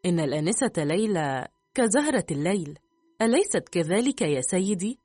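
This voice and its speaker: A male narrator voicing a chatty young maid who gossips with a giggle, in a high voice. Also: big pitch swings, fairly quick, a little mellow, no echo, faint music behind. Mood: gossipy.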